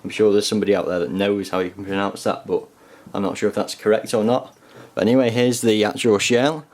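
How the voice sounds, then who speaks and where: A man's voice: fairly low pitch, a little mellow. A young man from the UK casually reviewing a collector's item, talking hesitantly with lots of ums and restarts. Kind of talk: casual show-and-tell review.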